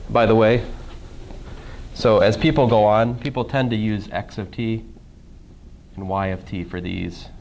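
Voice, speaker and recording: A man lectures a calculus class with a low, gravelly voice. He keeps it casual and dryly sarcastic, stopping to question his students. A faint hum of the classroom sits underneath. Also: fairly even intonation, unhurried, long pauses, darkish tone, muffled recording. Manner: casual, dry sarcastic humor, talks through steps with questions to students. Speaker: math professor.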